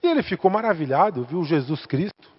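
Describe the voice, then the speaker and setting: A man's voice: on the high side, lively intonation, fairly quick, breathy edge. A man with a Brazilian Portuguese accent gives a spiritist talk to center workers, chatting and asking the audience questions. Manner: conversational, asks the audience questions. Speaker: guest speaker. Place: spiritist center meeting hall. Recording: echoey hall, dull lo-fi sound.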